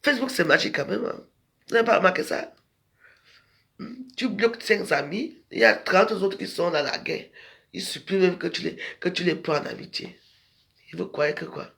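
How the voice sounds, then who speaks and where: Brief: high-pitched man, video rant, scolding and confrontational, rambling delivery. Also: moderate pace, gravelly, a bit bright. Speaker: social media video maker. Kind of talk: ranting monologue to followers.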